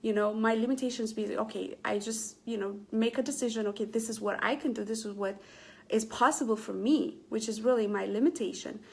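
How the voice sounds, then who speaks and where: Earnest chatty woman, slightly high voice. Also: a little fast, vocal fry, a little mellow, breathy edge. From Ethiopia. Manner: chatty, earnest, many fillers and restarts. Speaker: Facebook Live motivational host. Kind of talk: casual live-stream talk to viewers.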